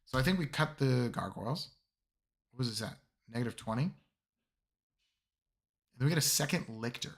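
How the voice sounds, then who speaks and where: A man hosting a live stream, with a voice still raspy from a cold, chatting upbeat and casual with his viewers. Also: mid-range voice, lively intonation, normal speed, pauses often. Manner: upbeat, talks to chat. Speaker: streamer host.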